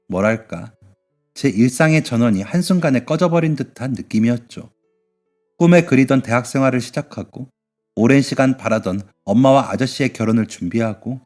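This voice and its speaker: A man with an ordinary, mid-range voice reads a first-person story in a soft and emotional way. Quiet music plays faintly behind him. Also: mid-range voice.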